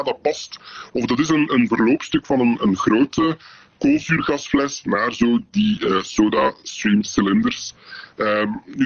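A man, his voice electronically distorted and pitch-shifted to hide who he is, explaining things plainly in a recorded interview. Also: creaky, breathy edge, dry recording. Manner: plain matter-of-fact explaining. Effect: voice electronically distorted to hide identity, shifted pitch. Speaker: anonymous interviewee. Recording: dull lo-fi taped clip.

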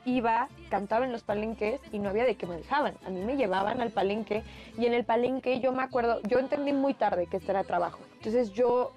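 A young Mexican woman talks as a guest on a radio interview in a high voice. She tells her stories quickly and bubbly, acting out the voices in them. Faint music plays underneath. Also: a little mellow. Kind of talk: casual interview chat.

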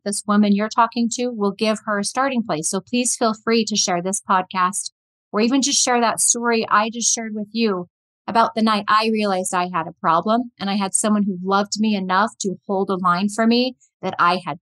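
A woman's voice: mid-range voice, dry recording, poor audio. Earnest woman hosting a recovery podcast. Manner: earnest, direct, addresses listeners as friends. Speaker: podcast host. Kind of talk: personal storytelling and advice.

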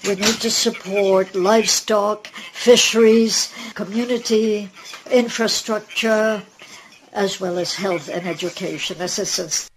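A woman's voice: medium pitch, steady tone, measured pace, a little hiss or hum, rough recording. A woman speaking as the live interpreter voice for a formal speech, with a formal, emphatic delivery. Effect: live interpreter voice rendering a speech.

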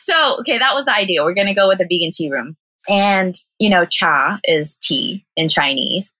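With a mid-range voice, lively intonation and a sharp tone, a young woman speaks at a moderate pace; there's no echo. She's from Southern California, has an American accent, owns a vegan cafe, and chats casually as an interview guest, often laughing and saying "like."

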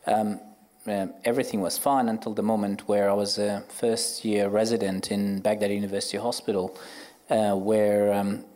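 A middle-aged man from Iraq, telling his story earnestly with many hesitant pauses as a guest. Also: lowish voice, level tone, mellow. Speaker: guest surgeon. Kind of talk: personal storytelling interview.

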